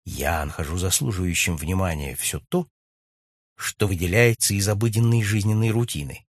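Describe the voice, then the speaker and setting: A man reading aloud and voicing a keen male detective who speaks in a precise, deliberate way with a husky voice. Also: sits low, dry recording, clean studio sound. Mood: measured. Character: keen, reasoning male detective, measured and exact.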